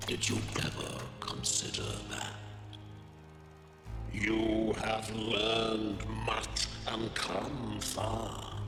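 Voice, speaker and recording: A man playing a cryptic, knowing male mentor in a game, measured and sardonic. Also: fairly low pitch, vocal fry, heavily acted. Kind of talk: scripted game dialogue. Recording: roomy, long reverb, music behind.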